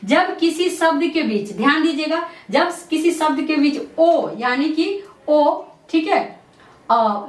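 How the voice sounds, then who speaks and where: A high-voiced woman gives an English pronunciation lesson. She asks a question, then answers it herself over and over. She sounds a bit far from the mic, in a roomy echo. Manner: repeats questions and answers them herself, lots of "theek hai". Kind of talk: classroom-style lesson explanation. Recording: echoey room, voice from a distance.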